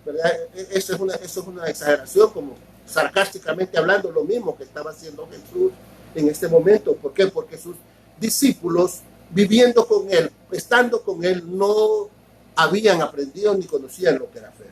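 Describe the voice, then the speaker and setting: A man's voice: high-pitched, normal speed, low-quality recording. A man preaching a sermon as pastor, explaining step by step, repeating words and often asking his listeners if they follow.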